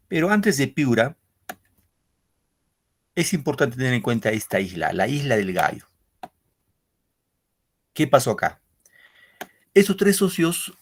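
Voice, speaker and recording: A man's voice: lowish voice, husky. A man teaching an online literature class, explaining step by step and often checking in with his students.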